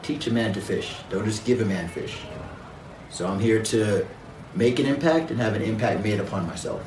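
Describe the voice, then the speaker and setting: A man from Jamaica, a guest in an interview, speaking in a measured, reflective way with frequent pauses and fillers. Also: lowish voice, echoey room, far from the mic, noisy background. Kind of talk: conversational interview.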